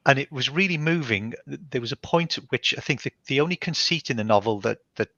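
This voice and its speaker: A man from Barry in South Wales, with a Welsh accent, is an author being interviewed over an online call. His medium-pitched voice is expressive, fast and sharp-toned, with no echo but dull audio. He explains his choices thoughtfully and conversationally, reflecting as he goes and often restarting with ums.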